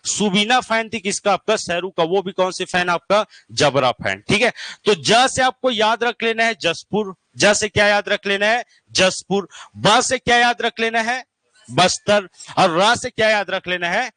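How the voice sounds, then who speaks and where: A man's voice: high-pitched, a little slow, sharp tone, no echo. A man teaching an exam-prep lecture, drilling points by asking questions and answering them himself, often checking if the class follows. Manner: repetitive call-and-response drilling, asks and answers himself.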